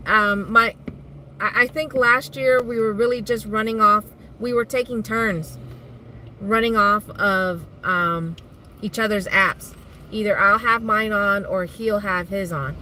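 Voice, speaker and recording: A chatty woman hosts a live stream, her voice bright and clear and at an ordinary pitch. She talks casually, reads viewer comments aloud and laughs easily, with a faint car hum behind her. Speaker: vlog host doing a live stream. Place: inside a car.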